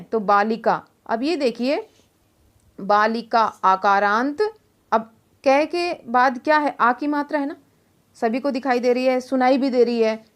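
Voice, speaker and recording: A young woman teaching a lesson in a fairly high voice. She walks through each point slowly, asks questions and answers them herself, and keeps checking in with a quick "okay?". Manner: explains step by step, asking and answering her own questions; says "ठीक है" often to check understanding. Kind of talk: online class lesson.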